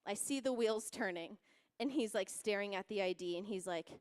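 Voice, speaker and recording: Animated young woman in an echoing hall. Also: mid-range voice, moderate pace. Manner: animated, laughing, acts out voices. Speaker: youth speaker. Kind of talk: storytelling youth talk. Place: church youth hall. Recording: long hall reverb.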